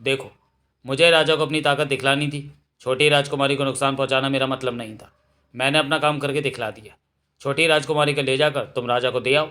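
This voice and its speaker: A man voicing a calm, assured bandit who gives orders in a storybook reading. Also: medium pitch, fairly quick, lightly acted. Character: calm commanding royal bandit, adult man.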